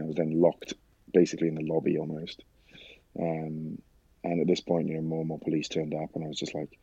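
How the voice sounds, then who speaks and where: A man telling his own story in a casual interview, halting with many fillers and restarts. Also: deep voice, gravelly, mellow, husky, no room sound, rough recording. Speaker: guest sharing his story.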